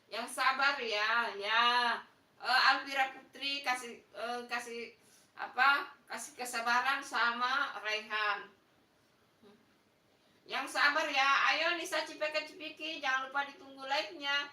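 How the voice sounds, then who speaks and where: Woman live-stream host with a Makassar lilt, teasing and coaxing, high voice, roomy echo. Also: sharp tone. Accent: Makassar Indonesian. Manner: playful, coaxing viewers to like and subscribe; teasing mock-sympathy. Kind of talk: casual live stream chat reading viewer comments. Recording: echoey room, voice a bit far from the mic.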